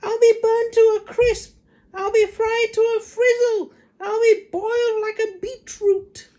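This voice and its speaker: A woman's voice: high-pitched, lively intonation, moderate pace, voice pushed up. A shrieking, spiteful old grandmother. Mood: shrieking panic. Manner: screeching, snapping, yelling. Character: shrill cranky old grandmother, bossy and spiteful.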